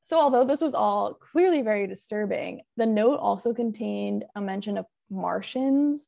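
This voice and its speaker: Gravelly-voiced woman telling a crime story. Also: mid-range voice, moderate pace, warm tone. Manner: chatty, full of "like" and "um", laughs often. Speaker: podcast co-host telling a true-crime case. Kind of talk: casual true-crime podcast chat.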